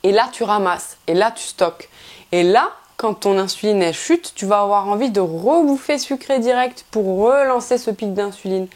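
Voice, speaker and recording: A woman's voice: medium pitch, normal speed, darkish tone. A young woman giving casual fitness advice straight to the viewer, slangy and informal, full of fillers and restarts. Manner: chatty, informal and slangy, addresses viewer as tu with frequent "tu vois". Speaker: fitness vlogger. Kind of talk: casual direct-to-camera advice.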